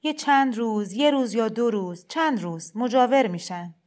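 A woman voicing a gentle, persuasive male shrine cleric in a storybook reading, speaking in a heavy, soft, kindly insistent way. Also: a little high, close to an everyday voice. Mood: coaxing.

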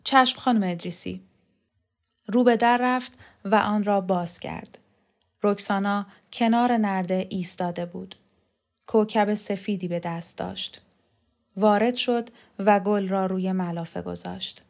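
A woman narrating a literary novel in a calm, measured reading voice. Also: mid-range voice, gravelly. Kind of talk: scripted audiobook narration of a novel.

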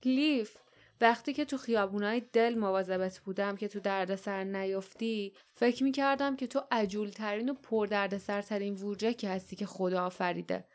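A woman voicing a blunt, grumbling grown man in an audiobook, gruff and complaining. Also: mid-range voice, close to an everyday voice. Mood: dry.

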